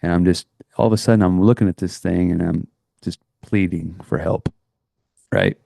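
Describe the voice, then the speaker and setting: A middle-aged man co-hosts a podcast, telling a personal story in a rambling, earnest way and restarting often in this casual chat. His voice is deep, creaky and dark, with fairly even intonation and a normal pace. The recording is dry and of studio quality.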